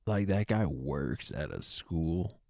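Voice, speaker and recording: Profane ranting man with a deep voice. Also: expressive, slow, creaky, no echo, studio quality. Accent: Boston. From Boston. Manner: profane, heated, shouting bursts. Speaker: comedy show host. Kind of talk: stand-up style comedic rant.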